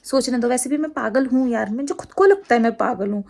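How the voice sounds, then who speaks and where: A woman's voice: a little high, a little fast, creaky, darkish tone. A woman with an Agra-region Hindi accent, chatting casually to camera in a rambling, laughing way. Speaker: vlogger.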